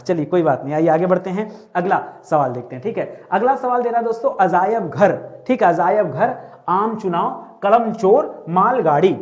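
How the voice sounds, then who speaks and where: High-voiced man teaching Hindi grammar. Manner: lively, drills words by repetition, jokes with students. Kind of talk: online class lecture.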